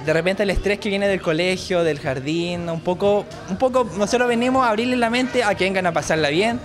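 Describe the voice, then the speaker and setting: A man's voice: high-pitched, brisk. A man who teaches at a theater school, interviewed while searching for his words with frequent fillers. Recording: loud music and crowd chatter behind. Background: music and children's crowd.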